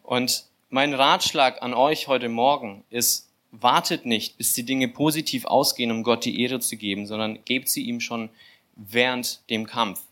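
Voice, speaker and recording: A young man giving an informal sermon, telling a scripture story with filler words and lively, acted-out asides. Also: medium pitch, a little slow. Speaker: church volunteer giving a sermon. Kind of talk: casual sermon.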